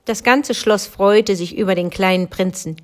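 A woman from Germany reads a fairy tale aloud as a bedtime story. Her delivery is calm and measured, with steady storytelling pacing. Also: medium pitch. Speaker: reader.

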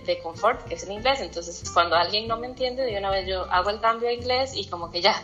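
A Costa Rican woman chats as an interview guest and tells her stories with lively energy. Her voice is bright and forward, with faint music underneath. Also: medium pitch, fast talker, highs cut off. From Costa Rica. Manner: animated storyteller, laughs often. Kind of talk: casual conversation.

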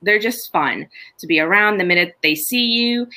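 A podcast guest who farms in Honduras, this middle-aged woman talks at a moderate pace in a mid-range voice. Her casual conversation about the farm is full of animated storytelling and laughs.

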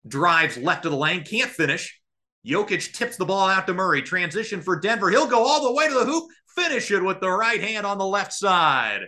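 Sitting high and sounding pushed and bright, this man is very animated as he calls live basketball on radio at a moderate pace. The play-by-play comes in clipped present-tense phrases, with analysis mixed in.

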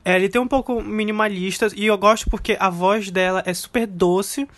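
A man's voice: high voice, fairly even intonation, moderate pace, a bit bright. Young Brazilian male co-host, chatty and giggly, rambles through pop music talk. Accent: Brazilian Portuguese. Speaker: podcast co-host. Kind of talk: casual chat about music.

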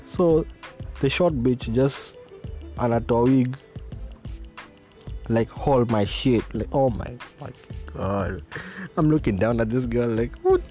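Young Kenyan man, podcast host, mellow dark voice, animated, heavy swearing. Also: medium pitch, slow pace, long pauses, faint music behind. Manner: animated, swearing, switching into Swahili. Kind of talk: profane storytelling monologue.

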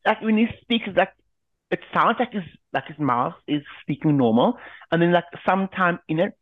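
A man's voice: high-pitched, expressive, normal speed, no room sound. A man co-hosting a casual chat, rambling with many restarts and fillers. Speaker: podcast co-host. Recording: tinny phone-like line, dry.

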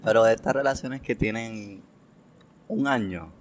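A man's voice: on the low side, a little slow, a little hiss or hum. A man with a Puerto Rican accent giving his opinions in a casual podcast chat as a guest.

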